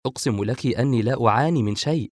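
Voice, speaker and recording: A man's voice: mid-range voice, fast, darkish tone, no room sound, studio quality, lightly acted. A man voicing a joking, sarcastic younger brother in an audiobook. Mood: wry. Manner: sarcastic, dismissive. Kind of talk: audiobook character voice.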